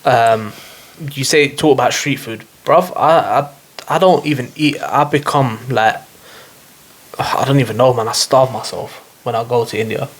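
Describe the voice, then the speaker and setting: A man's voice: mid-range voice, moderate pace. Laughing man chatting with slang. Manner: laughs often, casual slang, rambling. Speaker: podcast guest. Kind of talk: casual chat.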